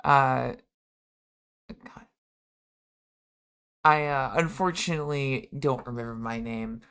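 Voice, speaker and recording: A cheerful founder of a ragtag underground group, put on by a man, speaking in a gravelly voice pitched above his own. He tries for a thick Russian accent. A friendly host figure in a tabletop game. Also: big pitch swings, slow, sharp tone, full character voice. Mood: genial.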